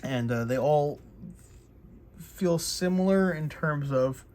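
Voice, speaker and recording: A man hosting a casual unboxing walkthrough, talking in a relaxed, chatty way with many fillers. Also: on the high side, takes it slowly. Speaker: crafts channel host.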